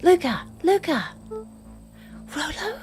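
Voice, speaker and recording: A woman's voice: very high-pitched, big pitch swings, slow, a little mellow, soft background music, voice pushed up, exaggerated voice. An older woman voicing a young boy who calls out urgent warnings. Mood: frantic. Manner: urgent, calling out.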